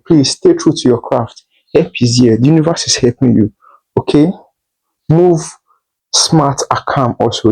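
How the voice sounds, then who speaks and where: A man's voice: medium pitch, mellow, low-quality recording. Man, tarot reader, reassuring, repeats himself, talks straight to the listener. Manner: repetitive, reassuring, addresses listener directly. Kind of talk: tarot reading monologue.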